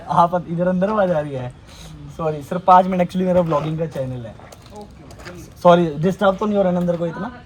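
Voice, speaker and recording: A man's voice: sits high, a little fast. A man vlogging casually outdoors near a railway line, acting out emotions between chatty asides. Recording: loud outdoor noise with passing traffic.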